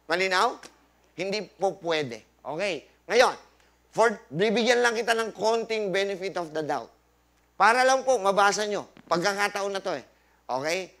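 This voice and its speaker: A high, bright-toned man lectures a live audience at a health forum. He talks like a preacher, firing rhetorical questions, quoting scripture and dropping jokey asides. He slips English phrases into his Tagalog. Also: animated, unhurried. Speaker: doctor hosting a health forum.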